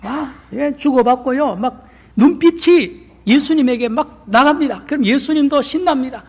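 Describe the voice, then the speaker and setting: A male pastor giving a lively sermon, often throwing questions to the congregation and using playful sales-pitch patter. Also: moderate pace. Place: church sanctuary. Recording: long church reverb.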